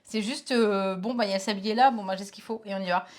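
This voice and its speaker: A woman in her thirties co-hosting a board game show, chatting casually with lots of hesitations and quick laughs. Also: mid-range voice, fairly even intonation. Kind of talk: casual chat reviewing board games.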